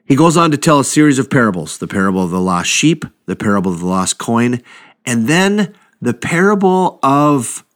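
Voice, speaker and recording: A man preaching a sermon, retelling a parable in a lively, conversational way and acting out the characters' lines. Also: mid-range voice, moderate pace. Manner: animated storytelling, acts out quotes, conversational asides.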